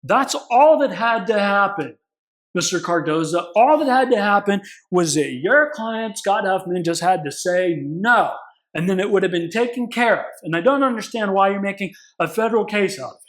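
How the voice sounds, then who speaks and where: A man's voice: sits high, expressive, moderate pace, a bit bright, voice pushed up. A man putting on the voice of a stern, exasperated male magistrate judge who lectures the lawyer before him. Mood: incredulous. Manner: lecturing, exasperated, talks down to counsel.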